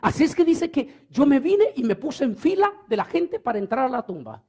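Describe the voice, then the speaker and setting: A man's voice: extremely high pitch, big pitch swings, moderate pace, dark tone, husky. A man preaching a storytelling sermon, fervent and repeating phrases for emphasis.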